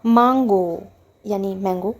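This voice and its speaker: A woman's voice: mid-range voice, takes it slowly. A woman teaching a Japanese lesson, patiently reading words and explaining each one with repetition and translation.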